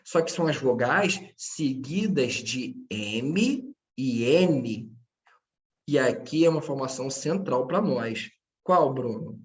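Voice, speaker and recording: A man's voice: medium pitch, animated, slow. A man teaching a grammar lesson, patient and checking in with his students often. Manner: speaks to his students directly.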